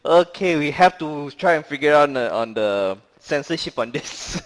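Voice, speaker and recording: A man's voice: fairly high pitch, expressive, moderate pace. A man co-hosting a casual movie review chat, rambling with many fillers and laughing often. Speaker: podcast co-host.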